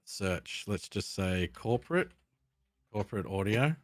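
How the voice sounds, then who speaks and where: A man's voice: fairly low pitch, animated, a little slow, no room sound, studio quality. A man, a radio presenter, chatting casually and explaining things with many ums. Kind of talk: casual chat.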